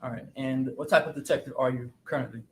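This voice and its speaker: A defense attorney with a steady tone questions a witness quickly from the courtroom podium, restarting haltingly as he goes. His podium microphone captures an echoey courtroom with a faint rumble.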